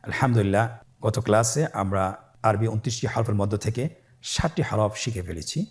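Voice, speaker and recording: A patient teacher with a Bangladeshi accent and a fairly low voice speaks a little fast as he introduces Arabic letters for reading the Quran, step by step. He elongates every letter sound so listeners can repeat it, with music behind him.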